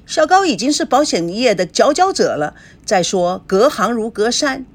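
A woman voicing a gentle, tactful middle-aged mother who smooths things over. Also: on the high side, very animated, moderate pace, voice pushed up. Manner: soothing, tactful.

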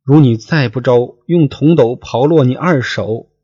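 Grieving court lady from a storybook, read by a man, pleading and drawn-out, muffled lo-fi sound. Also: mid-range voice, a little mellow, husky, no room sound, pitched above the performer's own voice. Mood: anguished. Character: grieving imperial consort, high-ranking woman.

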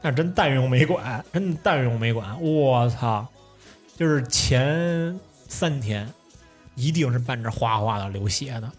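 A man's voice: medium pitch, animated, unhurried, slightly rough, faint music behind. A young man, a podcast host telling a story in casual chat, swearing and laughing often. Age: young adult.

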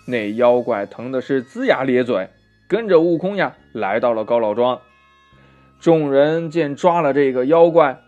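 A man narrating a children's classic tale in a lively, sing-song way. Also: mid-range voice, muffled recording. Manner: lively, sing-song, many drawn-out particles. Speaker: storyteller.

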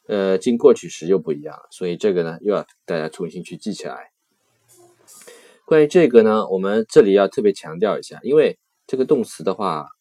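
A male language teacher explaining grammar in a deep voice, recorded dry and close. He is patient and slows down to repeat key verb endings several times. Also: darkish tone, no echo.

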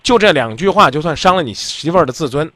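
A man's voice: fairly high pitch, expressive, quick pace, sharp tone, no echo, clean studio sound. A man hosting a radio call-in advice show, talking bluntly and insistently, lecturing the caller.

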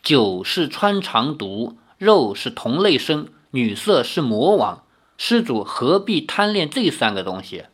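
A reader voicing a pompous old monk who is secretly a thousand-year-old prayer-bead spirit, in a solemn, drawn-out manner. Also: mid-range voice, big pitch swings, husky.

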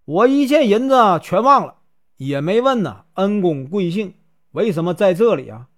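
A man's voice: sits high, very animated, moderate pace, a bit bright. Jigong, a man doing a cheeky scruffy monk. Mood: teasing. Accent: Northeastern Mandarin. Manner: joking, cheeky, mocking. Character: scruffy, playful, teasing old monk.

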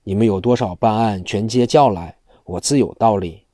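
A sneering young bandit swordsman with a cold, cocky edge, read by a man. The voice sits low and mellow, close and dry, like a storyteller leaning into the villain. Every line drips with mockery and pride. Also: moderate pace, no room sound, lightly acted. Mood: cold, boastful. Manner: mocking and boastful.

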